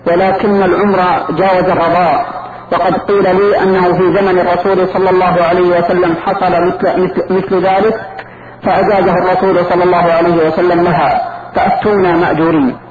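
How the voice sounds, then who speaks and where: A man's voice: high-pitched, level tone, fairly quick, roomy sound, narrow, tinny audio, a crowd in the background. A man reading a listener's written question aloud to the scholar, stumbling over some words.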